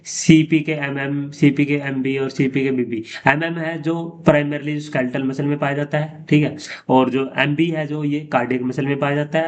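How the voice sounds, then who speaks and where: A man of ordinary pitch teaching lab-technology exam questions, explaining patiently and dropping a reassuring "theek hai" after nearly every point while mixing English terms into his Hindi. The recording is a bit dull and lo-fi, with a faint hiss underneath. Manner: repeats "ठीक है" often, mixes Hindi and English terms. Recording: dull lo-fi sound with faint noise.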